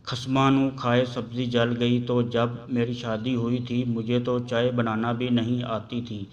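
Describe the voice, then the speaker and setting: A man's voice: mid-range voice, flat delivery, lo-fi sound, natural voice. A man reading as a kindly old mother-in-law. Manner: motherly, coaxing. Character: kindly older mother-in-law, warm and wise.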